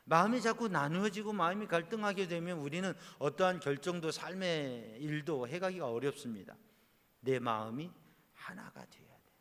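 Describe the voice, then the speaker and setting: A man preaching at a church prayer service, asking the congregation rhetorical questions, his voice rising on key words and then falling low. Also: normal speed, a bit bright. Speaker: pastor. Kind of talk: sermon. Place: church sanctuary. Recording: long hall reverb.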